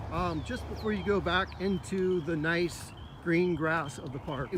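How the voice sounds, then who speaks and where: On an outdoor park trail, a high-pitched man walks a cross country course and explains the route in a coaching style. Upbeat and instructive, he's slightly out of breath, and faint outdoor noise sits under this course tour commentary.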